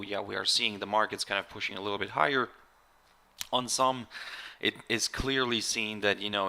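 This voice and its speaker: A man hosting a live market webinar, talking casually to viewers with many fillers, a little hoarse and clearing his throat now and then. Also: lowish voice, pushed and bright.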